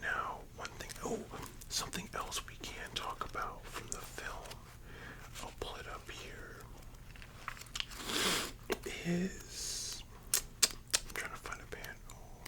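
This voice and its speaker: Whispering softly and sleepily, as if in a library, a young adult ASMR host chats about anime in a loose, rambling way full of offhand asides. The delivery is slow, with frequent pauses.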